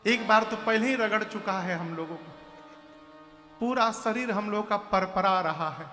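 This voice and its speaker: A man telling a devotional katha, animated and acting out characters in rustic dialect, sometimes leading chants. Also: high voice, measured pace. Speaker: katha storyteller. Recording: echoey hall with music behind.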